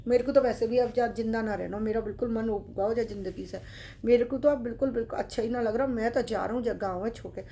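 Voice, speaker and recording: A woman voicing an elderly male devotee, complaining loudly in a hurt, stubborn way. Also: a little high, quick pace, vocal fry, a little hiss or hum. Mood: bitter. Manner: loud, aggrieved, complaining.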